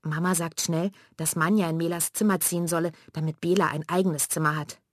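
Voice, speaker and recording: A woman reading a children's story aloud in a lively, expressive way. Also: low-pitched, fairly quick, dry recording, studio quality. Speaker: narrator.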